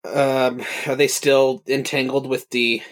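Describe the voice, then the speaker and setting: A man playing a tabletop game, hesitant and planning his moves out loud with many pauses. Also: medium pitch, little pitch movement. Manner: hesitant, lots of ums, planning aloud. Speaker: player. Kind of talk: casual tabletop play.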